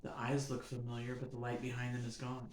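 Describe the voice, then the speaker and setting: Male podcast host, mid-pitched voice, reflective scripted monologue, roomy echoey recording. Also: completely flat delivery, a little hiss or hum. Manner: measured, earnest, building emphasis in short phrases. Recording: roomy echo.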